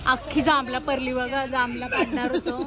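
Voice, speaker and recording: A woman's voice: high voice, steady tone, normal speed. A woman, chatting casually to her viewers in a family vlog, pointing things out as she goes outdoors. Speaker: vlogger. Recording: loud music and crowd behind.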